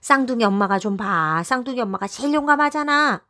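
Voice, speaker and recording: A woman voicing a group of anxious young mothers who chatter in excited, high voices. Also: a little fast. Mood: flustered.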